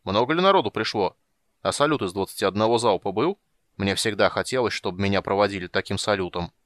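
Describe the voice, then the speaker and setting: A fussy, absent-minded old wizard, as a man puts him on, speaking loudly and indignantly. His pitch moves up and down in a lively way. The audiobook recording is dry and close. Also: quick pace, no echo. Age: older.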